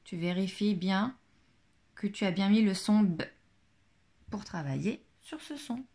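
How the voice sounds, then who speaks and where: A woman teaching a child a phonics listening game, saying each word twice and articulating every sound slowly and carefully. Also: mid-range voice, lively intonation, warm tone.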